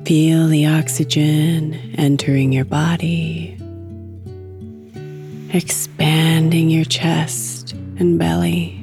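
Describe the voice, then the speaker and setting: A woman guiding a meditation in a soft, soothing manner, leaving long pauses between phrases. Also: low voice, little pitch movement, gravelly, music in the background. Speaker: guided meditation host. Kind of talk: guided meditation narration.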